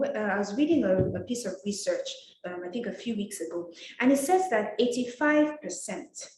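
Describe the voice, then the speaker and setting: A woman from Nigeria coaching on etiquette in an emphatic, direct way. Her pitch sits fairly high and swings a lot. The room around her rings with echo. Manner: emphatic, direct, scolding and lively. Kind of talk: motivational masterclass talk. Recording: roomy echo.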